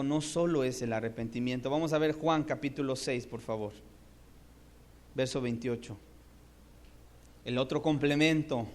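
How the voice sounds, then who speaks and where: A man preaching a sermon to his congregation, moving between hushed passages and loud, emphatic ones, and asking them rhetorical questions. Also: mid-range voice. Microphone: single microphone, audio only.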